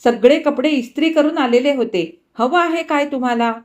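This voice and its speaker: Woman voicing a sharp-tongued young wife. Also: sits high, voice pushed up, close to an everyday voice. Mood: scolding. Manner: rapid scolding chatter. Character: fussy young wife, quick-tongued and stubborn.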